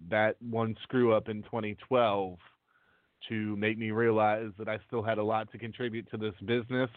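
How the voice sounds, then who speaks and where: A man's voice: lowish voice, no room sound. A man speaking casually as a podcast co-host. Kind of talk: casual chat. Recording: tinny, phone-like dry connection.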